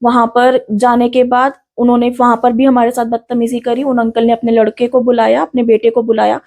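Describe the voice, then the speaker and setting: A woman's voice: fairly high pitch, level tone, fairly quick, a little mellow. A young woman recounting an assault in an interview, earnest and detailed, frightened and still in pain. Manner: earnest, detailed, with restarts and English words mixed in.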